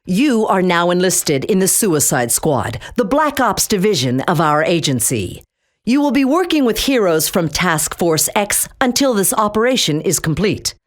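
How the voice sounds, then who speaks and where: A woman's voice: fairly low pitch, big pitch swings, moderate pace. An actress playing Amanda Waller, a stern, commanding female government agency chief in a video game, with a cold, clipped, threatening delivery.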